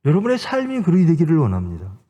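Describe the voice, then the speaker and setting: A man's voice: fairly high pitch, wildly swooping pitch, fast, warm tone, dull audio. A man, a pastor, preaching a Sunday sermon with emphatic rhetorical questions and exhortations. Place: church sanctuary. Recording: long church hall reverb.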